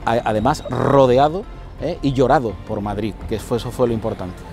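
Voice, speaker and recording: Middle-aged male painter guest, mellow timbre, hesitant and measured, recorded outdoors. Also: mid-range voice, soft background music. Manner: measured, explanatory, with many hesitant "eh" fillers. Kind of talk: outdoor conversation about art. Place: city square outdoors.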